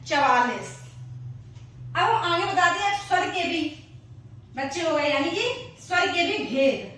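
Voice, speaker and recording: A woman's voice: very high voice, fairly bright tone. A woman teaching a grammar lesson, patiently counting, repeating terms and answering her own questions. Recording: echoey room, voice far from the mic.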